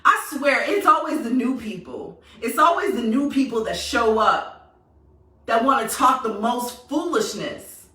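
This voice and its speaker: A vlogger with a New York accent rants passionately to camera in a high, bright voice that swoops everywhere, sassy and animated, hammering her points home through emphatic repetition. The pace is measured, and she sounds echoey and a bit distant from the mic.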